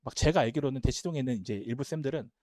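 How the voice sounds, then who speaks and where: A man's voice: medium pitch, dry recording, clean studio sound. A man who teaches Korean language, giving an emphatic talk at an admissions seminar. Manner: emphatic, talks fast and animated.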